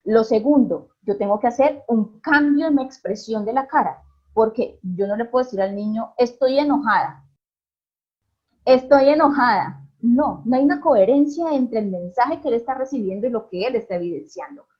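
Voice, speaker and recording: A woman's voice: on the high side, animated, moderate pace, breathy edge, lo-fi sound. A woman psychologist giving an online parenting talk, often asking her audience questions and checking with "¿listo?".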